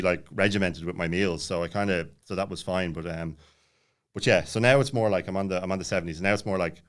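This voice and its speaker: A podcast guest in his late thirties, with a low-pitched, slightly bright voice, tells a casual personal story very quickly. He loops back and jumps around as he goes, using plenty of filler words.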